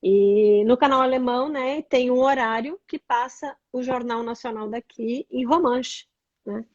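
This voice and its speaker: A woman's voice: on the high side, unhurried, a little mellow, no room sound, lo-fi sound. A woman from southern Brazil, a blogger and tour guide, chatting as an interview guest and explaining things with many tag questions. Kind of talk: casual interview over a call.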